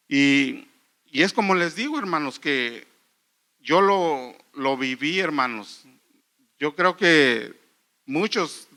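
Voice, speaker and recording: A middle-aged man preaching a sermon in church, earnest and halting, often restarting phrases and calling the listeners brothers. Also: fairly high pitch, pushed and bright. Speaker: pastor.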